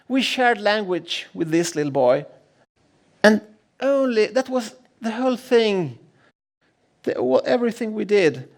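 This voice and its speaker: A middle-aged man from Sweden, giving a conference keynote in a humorous, self-deprecating storytelling way, often restarting his sentences. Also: high voice. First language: Swedish. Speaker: keynote speaker. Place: large conference room.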